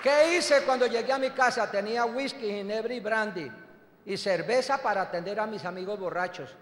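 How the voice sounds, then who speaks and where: A man's voice: high voice, normal speed, a faint crowd, slight background noise. An older man, telling his conversion testimony in an emphatic sermon and calling listeners brother. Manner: emphatic storytelling, calls listeners "hermano". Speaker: apostle and pastor. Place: church hall. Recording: echoey church hall with long reverb.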